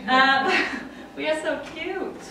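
A middle-aged woman from Sweden speaks slowly in a high voice, giving a chatty English conference talk in her Swedish accent with many laughs and fillers. Heavy background noise is present. A far room mic records her in a dim conference room, and the result is distant and echoey.

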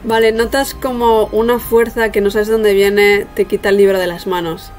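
Young female game master, mid-pitched, improvising narration haltingly on a slightly noisy video call. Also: fairly even intonation, darkish tone. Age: young adult. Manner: halting, thinking aloud. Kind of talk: casual improvised tabletop narration. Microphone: webcam video call.

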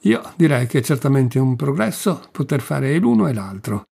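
A man reading the part of an ironic, calm man in a debate, with a gravelly voice. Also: medium pitch, moderate pace, full character voice. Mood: calm wry. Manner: calm, wry. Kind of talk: audiobook reading.

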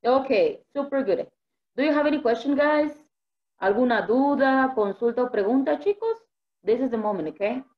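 A woman teaching English online, repeating each vocabulary word slowly so the students can echo it, heard over a video call. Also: sits high, expressive. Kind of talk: online vocabulary lesson, bilingual. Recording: dull lo-fi video-call audio.

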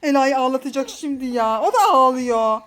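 A woman's voice: high-pitched, steady tone, normal speed, a bit bright. A woman narrating a casual family vlog at home as a mother filming her children, playful and exclaiming, often laughing.

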